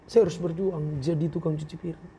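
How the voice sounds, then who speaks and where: A man's voice: fairly high pitch, fairly even intonation, a little fast, warm tone. A man giving an earnest, emotional personal testimony as an interview guest, acting out the words of others as he tells it. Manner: earnest, emotional, acts out quoted speech.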